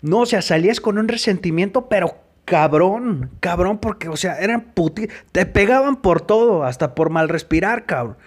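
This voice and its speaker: Mexican man, slightly high voice, raw and profane, emphatic first-person testimony for an interview. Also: expressive, normal speed, slightly rough.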